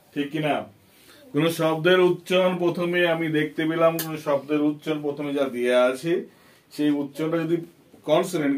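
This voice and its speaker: The voice is fairly high with a darkish tone. It belongs to a man with a Bengali accent giving children an English grammar lesson, going over points again patiently and quizzing the class.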